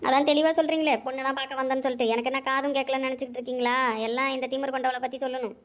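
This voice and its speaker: A woman's voice: high voice, level tone, racing, voice pushed up, natural voice. A woman voicing a fussy, suspicious grandmother in her later years who scolds and wails over being slighted. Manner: scolding, wailing complaints. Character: fussy, suspicious elderly grandmother, quick to take offense.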